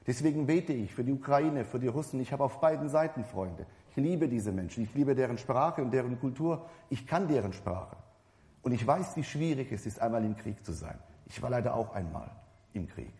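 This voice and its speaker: A man's voice: medium pitch, expressive, moderate pace, warm tone. A man preaching a sermon in a conversational way, talking directly to the congregation and often restarting and correcting his words. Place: church hall. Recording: reverberant hall.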